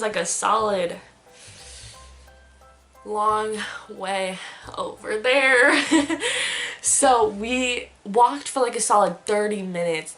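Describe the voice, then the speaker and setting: Young woman vlogging a storytime, laughs a lot, mid pitch, faint music in back. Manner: animated, laughs often while telling. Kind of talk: casual storytime vlog.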